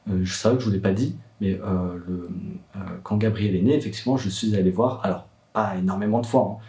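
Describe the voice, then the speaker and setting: A young man, a worried father, tells his story in a hesitant vlog monologue, his fairly low, mellow voice moving briskly. He's far from the mic in a roomy space, full of fillers and restarts, and his voice rises when he gets upset.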